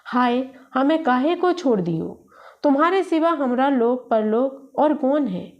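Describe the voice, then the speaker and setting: A woman's voice: high voice, lively intonation, unhurried, dull audio. A woman reading a hunchbacked woman's lament. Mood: wailing. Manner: sobbing lament. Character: hunchbacked grown woman, wailing at her husband's feet.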